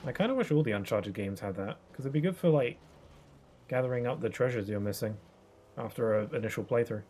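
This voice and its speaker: A man's voice: medium pitch, fairly quick, darkish tone. Rambling young man streaming a game. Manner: rambling, chatty, laughs often. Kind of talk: casual gameplay commentary.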